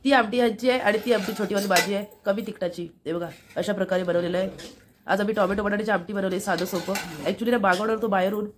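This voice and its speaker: A woman's voice: medium pitch, fairly even intonation, quick pace, background noise. A woman with a Marathi accent, chatting casually to the camera as she shows things around her family home. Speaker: vlogger. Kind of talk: casual family vlog narration.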